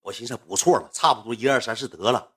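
Fast, rambling Northeastern Chinese storyteller. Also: male voice, medium pitch, fairly bright tone, husky. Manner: rambling, slangy, chatty. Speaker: storyteller streamer. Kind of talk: casual storytelling livestream. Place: at home.

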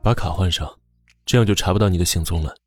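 A woman voicing a calm, wealthy young male tycoon in an audiobook, with a low, unhurried and quietly soothing delivery. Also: dry recording, faint music behind. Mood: calm tender. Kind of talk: audiobook character voice.

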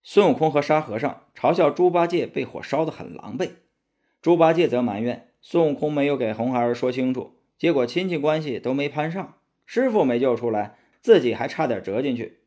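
A male storyteller reads a children's tale with a lively, expressive delivery. His pitch rises and falls through a wide range at a middling height. It is an even-paced storybook narration. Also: a little fast.

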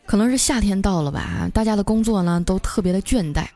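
A woman's voice: mid-range voice, brisk, music in the background. Chatty woman host telling comic stories. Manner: lively, chatty, laughs through her punchlines. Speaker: radio host. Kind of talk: comic storytelling.

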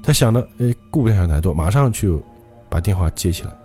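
A male podcast host telling a ghost story in a dramatic, lively way. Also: deep voice, fast, faint music behind.

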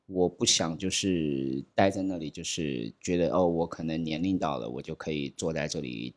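Deep-voiced man in his thirties. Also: normal speed. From grew up in the United States. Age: 30s. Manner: mixes English fillers like "you know, like" into Chinese; rambling, with frequent restarts and repeated words. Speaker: podcast guest, skateboarder. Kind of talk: casual podcast chat.

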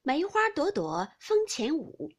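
A woman's voice: high-pitched, huge pitch swings, slow, voice pushed up, heavily acted. A woman voicing a genteel middle-aged aunt in a storybook reading, speaking in a modest, polite way. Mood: recitative. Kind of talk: audiobook character reading.

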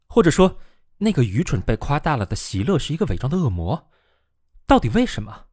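A man's voice: on the high side, huge pitch swings, brisk, a little mellow, no echo, studio quality, voice pushed up. A man reading the lines of a brooding, restless young college student in a storybook reading, speaking in an agitated, questioning way. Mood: indignant.

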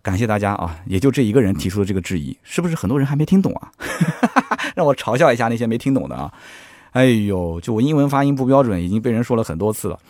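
A man hosting a podcast in casual chat, animated and chatty, often asking his listeners "right?". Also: lowish voice, racing, no room sound, studio quality. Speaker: podcast host.

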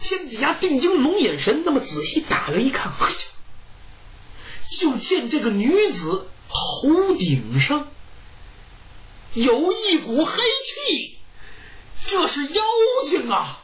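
A woman storyteller performing a pingshu tale with animated, dramatic, punchy phrasing. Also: sits high, slow pace, long pauses.

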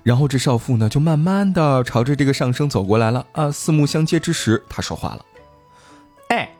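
A man's voice: mid-range voice, a little fast, faint music behind. A man hosting a podcast, telling a ghost story in a casual, joking way with his co-hosts. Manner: lively, playful, joking with co-hosts.

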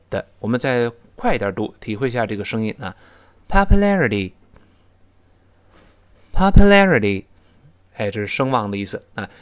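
A man teaching English in a recorded lesson, explaining at length with many "this, this" fillers and reading examples slowly and carefully. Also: mid-range voice.

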